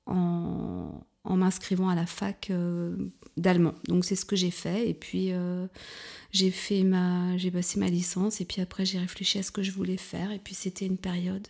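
A woman in her fifties from France, speaking as an interview guest in a hesitant way, with many fillers, restarts and soft, half-whispered stretches. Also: fairly low pitch, steady tone, moderate pace, creaky, slightly rough. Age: 50s. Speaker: guest, couples therapist. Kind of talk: casual interview talk.

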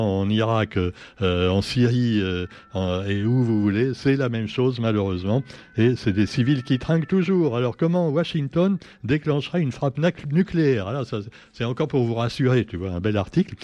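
A man's voice: medium pitch, a little mellow, dry recording. A man from Réunion runs through the day's papers in a loose, sardonic patter, padding it with fillers and joking asides. His voice sits in an ordinary middle register, and it is recorded close and dry with no room sound. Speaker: press review host. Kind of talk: casual spoken press review.

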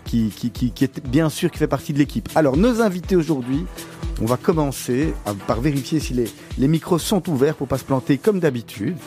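Mellow-voiced male radio host. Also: fairly high pitch, expressive, a little fast, soft background music. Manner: stumbling, repeats words. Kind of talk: radio talk show.

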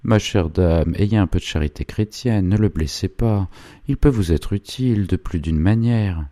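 A man voicing an old village priest with a gently insinuating, persuasive manner, in an audiobook reading. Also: low-pitched, moderate pace, no room sound, studio quality, voice pushed up, natural voice. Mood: coaxing.

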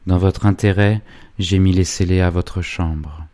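A man playing an upright older magistrate, speaking with forceful, declamatory authority. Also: low-pitched, fairly even intonation, measured pace, no echo. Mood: gentle.

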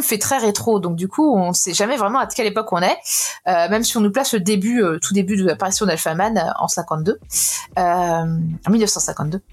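A young woman with a slightly nasal, stuffy voice from a cold, reviewing a comic in a casual, hesitant podcast chat. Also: medium pitch. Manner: hesitant, frequent pauses and restarts.

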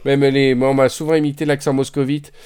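A man's voice: mid-range voice, flat delivery, fast, darkish tone, clear, resonant tone. A man hosting a podcast, telling long rambling stories with lots of fillers and enthusiasm. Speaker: podcast host. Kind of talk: casual chat.

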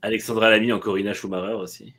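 Low, husky-voiced man joking. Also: level tone, rapid-fire, a bit bright. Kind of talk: casual chat.

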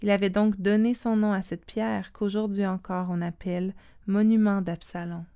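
Clear-voiced woman reading scripture. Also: mid-range voice, normal speed. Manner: calm steady reading with quoted speech.

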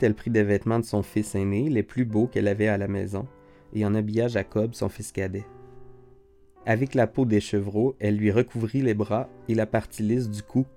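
A man narrating a Bible story in a calm, measured reading. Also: on the low side. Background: soft guitar music.

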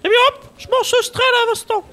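A man's voice: very high voice, fairly even intonation, a little fast, sharp tone. A man playing a stammering, giggly auditioner who reads a pompous king's lines in a comedy sketch. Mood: bossy.

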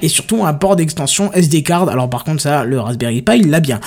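A man hosting a casual tech podcast chat, excitable, with punchy exclamations as he presents hardware. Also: on the high side, brisk.

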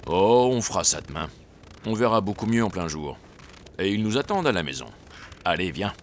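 A man voicing a calm, reassuring father boar in a storybook. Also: deep voice, fairly quick, a little hiss or hum.

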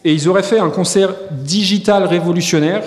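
A man's voice: high-pitched, fairly quick. Male podcast co-host, live-stage banter, joking and rambling, reverberant hall. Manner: joking, rambling with many fillers and restarts. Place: live festival stage before an audience. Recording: echoey hall with long reverb.

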